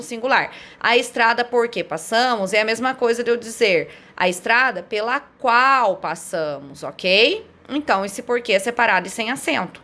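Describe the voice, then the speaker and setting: A woman's voice: on the high side, bright, forceful tone. A woman teaching a grammar lesson, explaining step by step and often checking with "né?". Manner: explanatory, asks and answers her own questions, frequent "né?".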